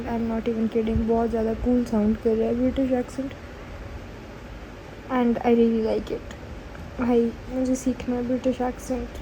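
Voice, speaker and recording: A woman's voice: on the high side, background noise. A young woman from Pakistan, a student, chatting through a casual vlog voice-over and switching between Urdu and English mid-sentence. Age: young adult. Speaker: student vlogger.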